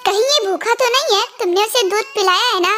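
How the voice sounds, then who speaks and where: Young man, caring new husband and father, gentle and teasing, voiced by a woman in an amateur fan dub; very high voice. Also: a little fast. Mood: soothing.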